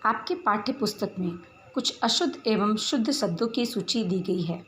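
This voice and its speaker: A woman teacher giving a school spelling lesson, reading word pairs aloud with careful, clear enunciation. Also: mid-range voice, animated, moderate pace, a bit bright, slight background noise. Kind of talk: slow, deliberate Hindi lesson. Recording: echoey room with faint background ambience.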